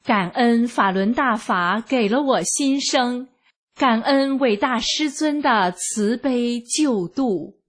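A woman reading a first-person testimony aloud in a slow, measured, earnest narration. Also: fairly high pitch, husky.

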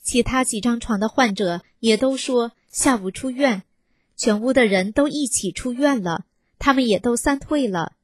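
A woman with a slightly high, husky voice reads out a personal testimony in a storytelling manner. She acts out the quoted dialogue along the way. The recording is close and dry. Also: normal speed, a little mellow, dry recording. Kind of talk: first-person testimony reading.

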